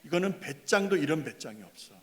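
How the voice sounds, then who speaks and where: A man preaching a sermon as pastor, dramatic, swinging between loud bursts and hushed tender lines. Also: a little high, lively intonation, brisk. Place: church sanctuary. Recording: long hall reverb.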